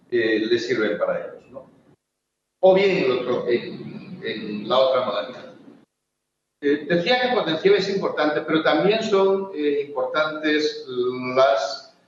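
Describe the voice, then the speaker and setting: A man's voice: mid-range voice, a little hiss or hum. A man from Spain speaking on a conference panel, hesitant, with many fillers and restarts. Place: large conference hall. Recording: echoey hall, distant, dull lo-fi.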